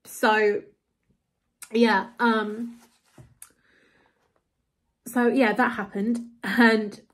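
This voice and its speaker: A woman's voice: fairly high pitch, level tone, very slow, fairly bright tone. A woman talking casually at home into a handheld phone, rambling, with lots of "like" and "you know". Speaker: vlogger. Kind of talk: casual confessional vlog. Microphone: handheld phone camera.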